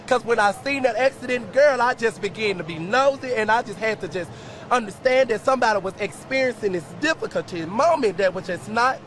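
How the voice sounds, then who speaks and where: A man's voice: sits high, lively intonation, fairly quick, fairly bright tone, a faint crowd, a little hiss or hum. A man giving a theatrical, colloquial eyewitness account in a street interview. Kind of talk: dramatic street interview storytelling.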